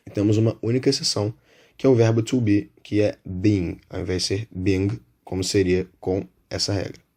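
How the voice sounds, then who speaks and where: A man with a Brazilian Portuguese accent teaching an English grammar lesson, spelling out examples in a measured way. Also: on the low side, flat delivery, a little mellow. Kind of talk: explanatory lesson.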